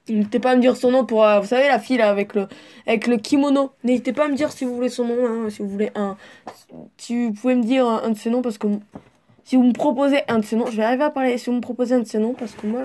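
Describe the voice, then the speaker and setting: A woman's voice: on the high side, steady tone, fast, warm tone. A young woman casually reading her own story aloud, rambling and swearing in her asides. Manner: chatty, rambling, swears freely.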